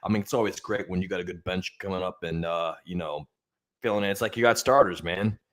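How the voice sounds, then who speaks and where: A young man hosting a casual sports podcast, chatty and loose, filling pauses with hums and fillers. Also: sits low, a bit bright. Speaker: podcast host.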